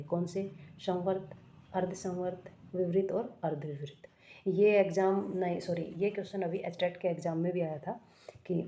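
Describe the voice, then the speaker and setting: Woman teacher going over grammar for exams, soft warm voice, keeps asking then answering her own questions. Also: on the low side, a little hiss or hum. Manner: corrects herself often mid-sentence. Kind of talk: exam-prep grammar lesson.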